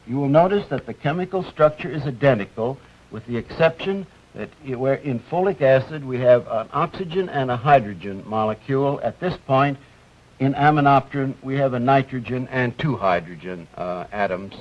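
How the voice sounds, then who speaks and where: A physician presenting medical research on a 1950s TV broadcast, explaining step by step with many hesitant "uh" fillers. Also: male voice, medium pitch. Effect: 1950s TV broadcast sound. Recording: dull lo-fi old TV audio, faint hiss.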